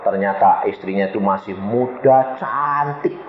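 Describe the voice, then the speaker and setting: An older man with a Javanese accent preaching a storytelling sermon. He swings between high, loud exclamations and low, quiet asides. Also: a little slow. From Jepara, Indonesia. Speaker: evangelist preacher. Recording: echoey, slightly dull recording with faint noise.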